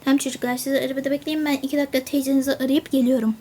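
A woman's voice: high voice, flat delivery, a little mellow, natural voice. A woman voicing an impatient mother of three in a toy game role-play, scolding and hurrying her children. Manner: scolding, hurried.

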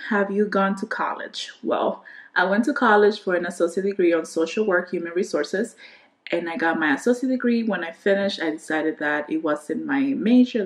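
In her bedroom at home, a Dominican beauty vlogger in her twenties answers questions to camera in a casual, rambling way. A native Spanish speaker with a Dominican accent, she has a fairly low voice and chats away with trailing restarts, gesturing with her hands, while the room sounds echoey.

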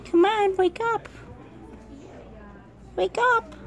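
A woman filming with a handheld phone in a pet store, softly coaxing puppies with repetitive baby talk. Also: very high-pitched, drawn-out words.

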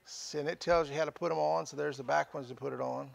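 An older man hosts an auction show from a small studio room filled with sale items, casually pitching the goods on air with folksy jokes. His voice is on the high side and creaky, his intonation fairly even, and he talks fast.

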